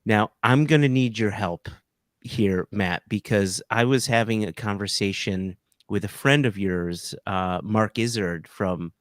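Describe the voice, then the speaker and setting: A man's voice: lowish voice, unhurried, no echo, clean studio sound. A man hosting a casual live stream, joking and stumbling over his words as he corrects himself. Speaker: host.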